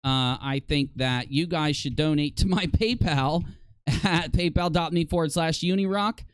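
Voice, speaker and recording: A man's voice: on the high side, measured pace, clean tone, no room sound. A man hosting a live stream, ranting in exasperated, heated commentary as he reads posts aloud. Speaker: livestream host.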